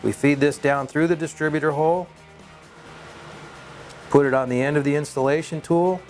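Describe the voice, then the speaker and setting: A man, a head engine builder, calmly walks through a shop how-to demonstration in plain, measured technical terms. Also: a little high, soft background music.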